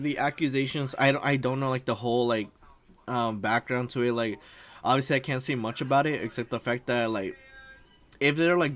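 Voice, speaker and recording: A young man talks over a video he is reacting to, looping back on himself with fillers and slang. His pitch sits in an ordinary middle range, and he breaks into laughter often. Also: fairly bright tone. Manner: rambling, lots of fillers and "freaking", laughs often. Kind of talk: casual reaction commentary.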